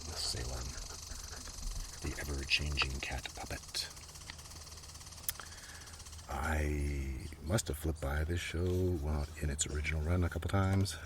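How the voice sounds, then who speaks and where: Speaking slowly with long pauses, a man with a very deep, fairly evenly pitched voice gives a hushed, casual ASMR show-and-tell, occasionally dropping into a whisper. He's outside in a light breeze, and the outdoor ambience is clearly noisy.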